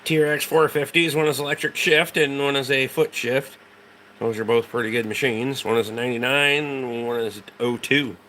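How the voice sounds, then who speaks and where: A Rhode Island man, accent and all, hosts a casual livestream where he answers viewers in a blunt, dismissive, very profane way. His medium-pitched voice is bright and forceful at a normal speed. The audio is poor, carrying a little hiss or hum.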